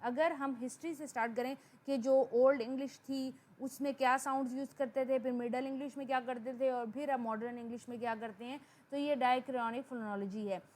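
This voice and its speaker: A woman with a bright, high voice teaches a lecture, explaining terms step by step. She slows right down whenever she spells out a definition in English. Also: fairly even intonation. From Pakistan.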